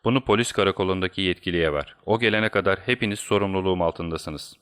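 A man's voice: sits low, fast talker, fairly bright tone, clean tone. A man voicing a cool, commanding male detective who speaks in a cold, clipped way.

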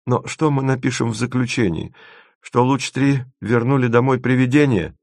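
A man reading an audiobook, voicing a dreamy, stubborn young woman who speaks softly and a little painfully. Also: medium pitch, fairly even intonation, moderate pace, dry recording, clean studio sound, voice pushed up, lightly acted. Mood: protesting. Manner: soft, pained and wistful.

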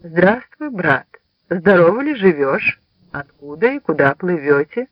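A man voicing a smooth-talking young male dandy with a soft, ingratiating manner. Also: high-pitched, animated, moderate pace, no room sound. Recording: slightly dull lo-fi sound.

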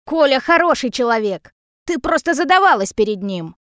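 A woman reading an audiobook, voicing a drunk, furious mother who shouts and scolds. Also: animated, no room sound, studio quality. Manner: shrill, drawn-out shouting.

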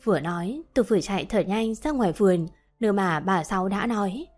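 Woman gently narrating a romance story. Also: mid-range voice, a little fast. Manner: even, gentle first-person storytelling. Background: faint background music.

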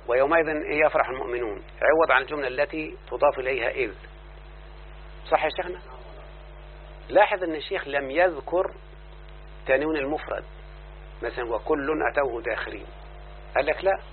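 A man's voice: mid-range voice, phone-quality sound, a little hiss or hum. A man with an Egyptian Arabic accent teaching a grammar lesson to a class. He explains each point and keeps checking with questions.

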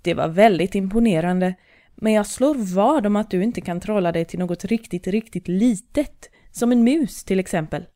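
A woman's voice: mid-range voice, warm tone, no echo, clean studio sound, close to an everyday voice. A woman voicing a clever, scheming male cat in boots, purring and persuasive in a storybook reading. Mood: sly.

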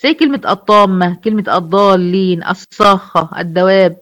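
A woman's voice: mid-range voice, fairly even intonation, fairly quick, a bit bright, muffled recording. A woman with an Egyptian Arabic accent teaching a recitation class online. She explains step by step, asks her students questions and answers them herself. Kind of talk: online lecture.

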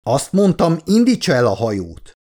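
Man voicing a shrill bossy woman commander. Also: huge pitch swings, darkish tone, full character voice. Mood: commanding. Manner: commanding, shrieking. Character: domineering shrill female commander. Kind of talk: audiobook character voice.

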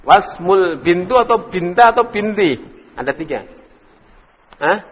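A man leads an Arabic class. He quizzes students one by one, praises their answers and draws out the drill words slowly. His voice sits fairly high for a man, and it rings in a hall with a long echo. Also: animated. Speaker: Islamic teacher leading an Arabic class. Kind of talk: interactive classroom lesson. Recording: reverberant room recording.

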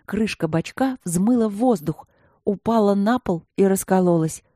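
Woman narrator for a fantasy audiobook, mellow, lively storytelling, dry. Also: mid-range voice, moderate pace, no room sound. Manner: lively storytelling with character voices. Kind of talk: scripted narration.

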